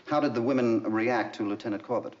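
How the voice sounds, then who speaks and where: An actor playing a methodical navy prosecutor, questioning witnesses in a measured, slightly hesitant way. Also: male voice, medium pitch, close to an everyday voice. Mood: probing. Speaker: prosecuting lawyer. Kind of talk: 1970s TV courtroom drama. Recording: dull lo-fi TV soundtrack.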